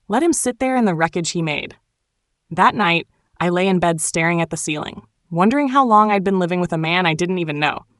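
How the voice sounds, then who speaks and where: A woman narrating a dramatic first-person storytime tale in a cool, wry, sharp-tongued way. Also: on the low side, no echo, studio quality.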